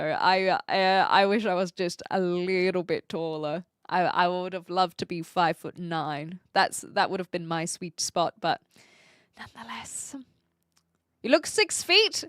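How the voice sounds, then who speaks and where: A woman's voice: medium pitch, no room sound, studio quality. A woman in her twenties with a mixed English-dialect accent with a New Zealand tinge, chatting casually and playfully on a live stream, reading out comments and replying with self-deprecating humour. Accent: mixed English-dialect accent with some New Zealand. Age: 20s.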